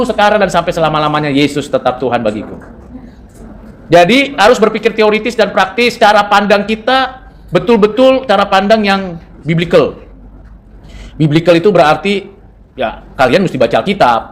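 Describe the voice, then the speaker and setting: A man from North Sumatra giving a seminary classroom lecture in a conversational way, quizzing his students and dropping in English terms. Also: high voice. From North Sumatra, Indonesia.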